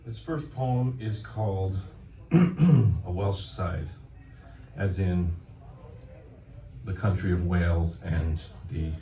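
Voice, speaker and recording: At a live reading event before an audience, a poet with a very low voice reads his own work after an informal introduction, in a deadpan, measured delivery. The recording is dull, roomy and distant, echoey as if picked up from well back in the room.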